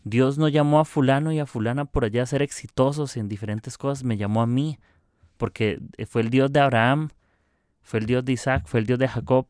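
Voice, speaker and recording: A man's voice: mid-range voice, a little mellow, no echo, studio quality. A man preaching a casual devotional talk, conversational and playful, acting out bits of dialogue as he goes. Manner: conversational, acts out dialogue in quotes; playful, jokes about church habits.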